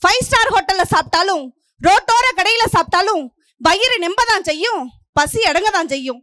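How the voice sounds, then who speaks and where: A woman's voice: very high-pitched, animated, fairly quick, sharp tone, no echo, studio quality. A middle-aged woman from Puducherry giving a stage debate speech, declaiming in rhythmic parallel lines and pressing her point. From Puducherry, India. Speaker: debate speaker.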